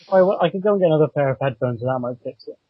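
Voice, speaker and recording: A man chats casually about films, slightly high and a little husky. His voice comes out muffled and dull, as if heard through a wall. The cheap cable headset mic sounds dry and close. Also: lively intonation, rapid-fire, no echo. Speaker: podcast co-host. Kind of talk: casual film chat.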